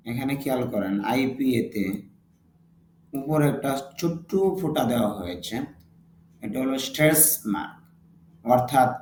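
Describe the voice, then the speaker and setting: A man with a Bangladeshi accent teaching English vocabulary, repeating each word twice with its meaning and stressing the English word louder. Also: medium pitch, roomy sound, a little hiss or hum. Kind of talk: slow, deliberate vocabulary lesson with repetition.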